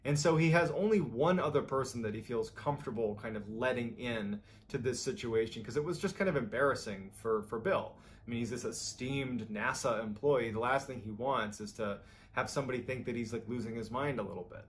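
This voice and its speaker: A man's voice: fairly quick, a little hiss or hum. A man hosting a storytelling show, narrating a true story in a conversational way and acting out the lines of the people in it. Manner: conversational, acts out quoted lines with rising pitch. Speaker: storyteller host.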